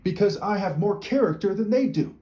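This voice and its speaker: A man's voice: high-pitched, lively intonation, fairly quick, warm tone, dull audio. A man giving an opinionated solo monologue to camera, rambling and rhetorical, often tagging his points with "right?". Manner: rhetorical, checks in with frequent "right?" tags; discursive, repeats words while restarting sentences. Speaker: video commentator.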